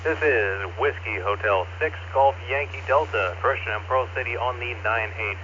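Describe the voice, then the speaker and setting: A man's voice: mid-range voice, moderate pace, sharp tone. A man checking into a net on a ham radio call, giving his call sign in a clipped way. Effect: ham radio call over a repeater. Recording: dull lo-fi radio with clear static.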